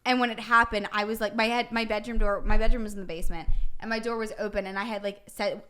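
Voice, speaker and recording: A woman's voice: mid-range voice, quick pace, smooth. A young woman co-hosting a podcast, telling candid stories in casual chat with lots of fillers. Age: young adult. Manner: candid, animated storytelling with frequent fillers. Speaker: podcast co-host.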